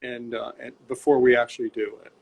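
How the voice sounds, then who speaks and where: In poor audio, an older bootmaker and shop owner answers interview questions over a video call from his home workshop. His mid-range voice is darkish with vocal fry, brisk and flat in delivery, and his casual talk rambles, with repeated words and restarted sentences.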